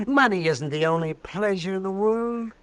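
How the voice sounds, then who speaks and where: A man playing a crotchety older town doctor in a radio western, American, with a halting, muttering, pompous delivery. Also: sits high, fairly bright tone, clear, resonant tone, dry recording. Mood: grandly musing. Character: crotchety, theatrical older frontier town doctor, mock-preachy. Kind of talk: 1950s radio western acting.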